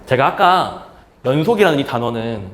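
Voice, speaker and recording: A man's voice: medium pitch, expressive, moderate pace, roomy sound, a little hiss or hum. A male math teacher giving a casual lecture, asking questions and then answering them himself. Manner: asks and answers his own questions; casual, speaks in plain everyday talk to students.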